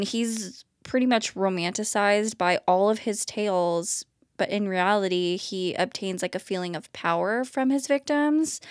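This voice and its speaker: A woman hosts a true-crime podcast in a loose, chatty way, filling her sentences with "like" and "kind of". Her voice sits at a middle pitch and is recorded close and dry. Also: no room sound. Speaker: podcast host. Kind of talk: casual chat.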